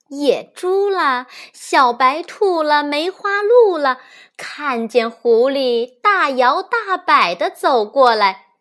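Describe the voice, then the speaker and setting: A woman hosting a children's reading show, telling fables to the listeners in a gentle storytelling voice. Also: high voice. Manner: gentle, addresses listeners as darlings. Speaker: children's textbook reader, host.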